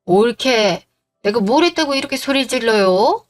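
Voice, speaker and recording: A woman doing a spoiled young sister-in-law in a storybook drama, demanding and whiny, her voice set fairly high as she orders people around. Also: lively intonation, normal speed, soft background music, close to an everyday voice.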